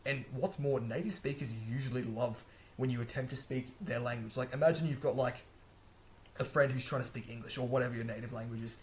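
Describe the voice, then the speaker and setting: Brief: male vlogger, mid-pitched, talks fast and loose with lots of restarts, casual advice monologue. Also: slight background noise. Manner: rambling, chatty, frequent restarts and self-corrections. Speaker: language-learning vlogger. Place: a room indoors.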